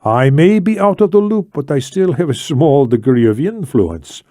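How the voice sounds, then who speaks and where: Voicing an older Spanish former intelligence officer in a thriller audiobook, a man delivers acted dialogue that is shrewd, commanding, formal, firm and controlled. His natural, mellow, expressive voice uses deliberate, emphatic phrasing with wide pitch swings. The recording is close and dry, with no echo.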